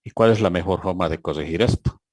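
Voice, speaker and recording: A man, a university lecturer giving an online class over a video call, who reads examples aloud slowly and mocks their errors. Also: deep voice, darkish tone, dry recording.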